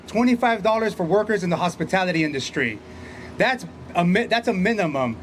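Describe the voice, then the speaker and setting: A man's voice: high-pitched, lively intonation, brisk, a little hiss or hum. A man emceeing an outdoor union rally, firing pointed questions at the crowd and laughing between points. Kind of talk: rally speech. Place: outdoors by hotels.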